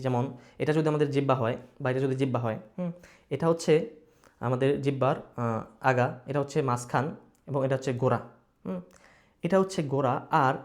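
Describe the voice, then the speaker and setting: A man teaching Quran recitation, explaining each letter patiently and sounding out letters loudly for practice. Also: mid-range voice. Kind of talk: slow explanatory lesson.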